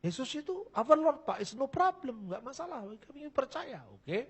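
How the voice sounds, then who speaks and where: A man giving a lively religious talk, blunt and mocking, acting out the people in his stories. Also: very high-pitched, normal speed. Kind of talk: lively lecture with anecdotes.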